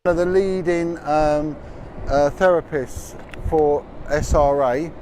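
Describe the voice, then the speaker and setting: A man's voice: on the high side, steady tone, takes it slowly, a little mellow, poor audio. A man hosting a casual livestream outdoors on a boat, rambling and reading out figures with plenty of ums. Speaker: livestream host. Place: outdoors on a boat in strong wind. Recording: wind and engine noise.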